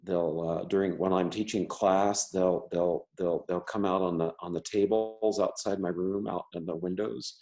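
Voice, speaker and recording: A man's voice: sits low, fairly even intonation, normal speed, hardly any pauses, darkish tone. A man who stutters, an artist and teacher talking casually in an interview, with many restarts and repeated words. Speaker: member artist.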